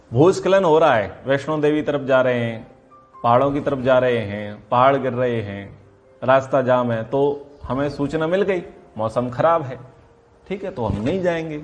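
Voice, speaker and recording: A man teaching a class on Vedic philosophy, asking questions and answering them himself, and stretching key terms slowly for emphasis. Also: medium pitch. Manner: asks and answers his own questions. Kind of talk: classroom lecture.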